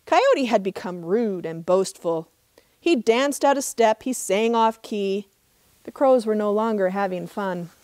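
A middle-aged woman, a park ranger, reading a trickster tale as expressive, measured storybook narration outdoors. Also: mid-range voice, dry recording, studio quality. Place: outdoors in open desert.

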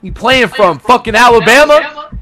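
A man's voice: extremely high pitch, lively intonation, normal speed, bright, forceful tone. A man playing an online shooter, brash and cocky, cursing and ribbing his teammates. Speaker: streamer playing with his wife. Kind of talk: profane game banter.

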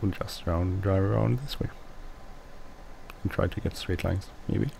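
A man whose first language is Swedish, speaking English with a Swedish accent as he hosts casual gameplay commentary, mumbling and halting with many restarts. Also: sits low, gravelly, a little mellow, slight background noise, rough recording. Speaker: let's play host.

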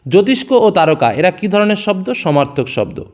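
A male teacher runs quick question-and-answer revision for students. His voice sits high and moves a lot, and each answer comes out lower and softer than the question before it. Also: sing-song.

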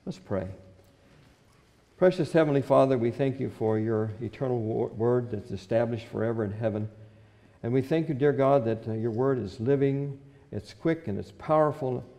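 Older man preaching, gravelly voice. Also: medium pitch, normal speed, dark tone, in a large hall. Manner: old-fashioned, earnest preaching with scripture reading. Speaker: pastor. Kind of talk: sermon. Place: church sanctuary at a pulpit. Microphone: stand microphone at the pulpit.

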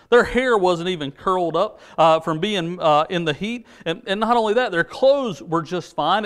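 A man in his forties telling a Bible story to children at a pulpit, animated, with frequent restarts. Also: sits high. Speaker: junior church preacher. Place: indoor studio set at a pulpit.

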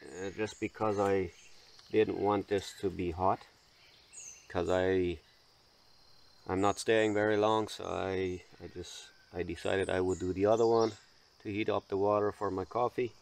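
Young man, non-native English, low voice, halting and repetitive, outdoors, faint birds and insects behind. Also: gravelly, a little hiss or hum. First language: not English. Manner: halting, repeats words, relaxed. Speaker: vlogger. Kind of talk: casual solo camping vlog. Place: outdoors by a river. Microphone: camera mic close in front.

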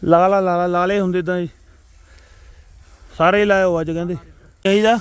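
A man's voice: high-pitched, fairly even intonation, normal speed, clean tone. A man with a Punjabi accent giving casual, joking, exclamatory commentary outdoors in a rural field as he films. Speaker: vlogger filming teammates at farm work.

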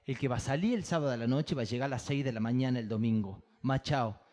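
A man's voice: mid-range voice, fast, a little mellow. A man doing live stand-up on a theater stage, telling bawdy stories into a stage microphone with a punchy rhythm. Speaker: stand-up comedian.

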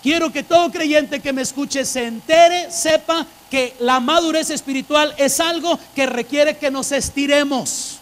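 Male preacher, very high-pitched voice, emphatic sermon, repeats phrases, asks the congregation questions. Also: a little slow, hardly any pauses, a bit bright. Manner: emphatic, repeats phrases to drive points home. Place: church.

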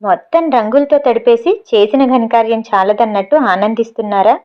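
A woman's voice: on the high side, a little fast, dull audio, close to an everyday voice. Woman reading a sulky, shy young woman. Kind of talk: audiobook novel reading.

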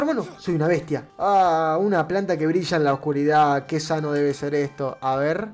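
A man with an Argentine Rioplatense accent giving let's-play commentary, excitable, swearing a lot and shrieking at scares. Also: high voice. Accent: Argentine Rioplatense Spanish. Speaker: gamer.

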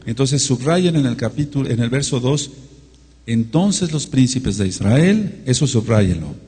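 A man's voice: mid-range voice, expressive, unhurried, warm tone, breathy edge, big-room sound. A man teaching a Bible study as a sermon, emphatic and drawn out, with frequent asides to his listeners.

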